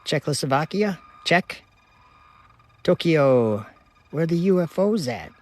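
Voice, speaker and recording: Slow and a bit high in pitch, a man from Minnesota, United States, hosts a laid-back outdoor livestream at night. While working his telescope, he reads viewer comments and locations aloud, keeping up a relaxed, chatty running list.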